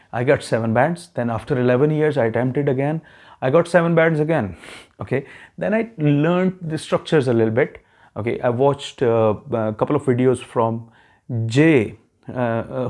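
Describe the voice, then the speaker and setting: Male, 30s, mid-pitched, casual explainer voice, lots of "uh" and "okay?". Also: a little mellow. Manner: conversational, many fillers, checks in with "okay?". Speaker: immigration video creator sharing test tips. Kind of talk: casual explanatory talk to camera.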